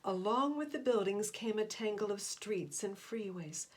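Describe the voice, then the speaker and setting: With an animated, medium-pitched voice and a measured pace, the volunteer reader shares a picture book with children. She emphasizes key words and breaks off to speak to her listeners.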